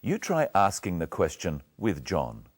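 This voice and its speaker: Slow, deep-voiced male English teacher. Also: huge pitch swings. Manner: patient, drills words one by one. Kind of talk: slow, clear lesson narration.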